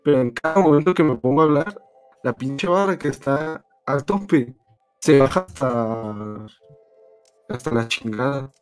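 Young mexican guy chatting on a stream, regular pitch, slangy n sweary, faint guitar behind. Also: lively intonation, unhurried. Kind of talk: casual chat on a livestream.

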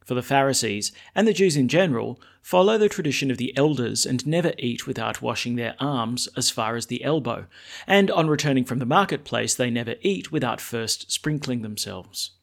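A man speaking as a priest, reading scripture and preaching in a measured, solemn way. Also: medium pitch, animated, creaky. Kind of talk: liturgical reading and homily.

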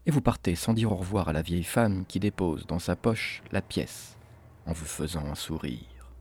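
A man's voice: lowish voice, mellow, husky. A man narrating scripted horror stories in the theatrical manner of a horror host, addressing the listener directly.

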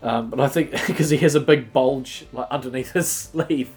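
A man's voice: medium pitch, moderate pace, a little mellow. A man, joking and interjecting casually as a podcast co-host. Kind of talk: casual comedic chat.

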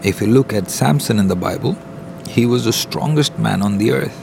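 A man speaking as a pastor and podcast host in an airport terminal, giving informal devotional teaching in an earnest, halting way, repeating phrases as he goes. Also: gravelly. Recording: noisy airport recording with background rumble. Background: airport rumble and noise.

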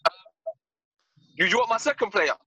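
A London-accented man with a high, piercingly bright voice. He debates football casually and emphatically, repeating himself in slang, over a slightly noisy, clicky remote connection. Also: expressive, normal speed. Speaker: podcast panellist.

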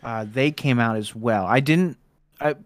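A man's voice: mid-range voice, a little slow, dry recording, clean studio sound. A man hosting a podcast, chatting casually and laughing easily, swearing now and then. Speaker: podcast host.

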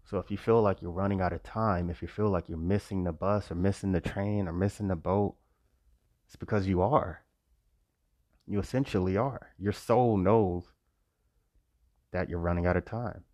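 A man's voice: deep voice, fairly even intonation, moderate pace, long pauses, darkish tone, no room sound, clean studio sound. A man giving an earnest, preachy spiritual monologue outdoors, repeating his phrases. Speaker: vlogger. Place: outdoors by a road. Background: passing cars and wind.

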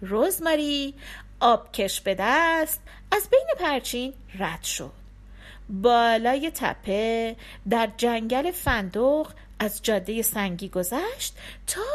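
A woman narrating a folk tale for listeners, expressive and acting out the characters. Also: a little high.

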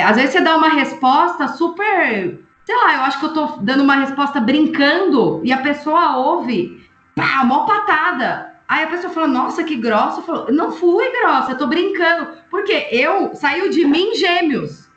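An animated woman explains with example after example, checking in with quick tag questions. Her voice sits a little high. The sound is roomy and dull, like a remote call. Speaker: astrologer guest. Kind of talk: casual explanatory chat.

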